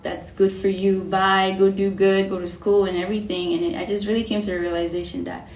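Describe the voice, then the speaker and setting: A woman in her twenties from Cameroon, answering interview questions in a measured way with fillers. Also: medium pitch, little pitch movement, darkish tone, echoey room, poor audio. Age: 20s. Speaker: guest.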